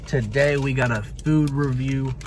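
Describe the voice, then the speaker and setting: A man's voice: mid-range voice, fairly even intonation, measured pace. A man in his thirties giving a casual food review to camera from inside a car. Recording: in a car with clear vehicle noise.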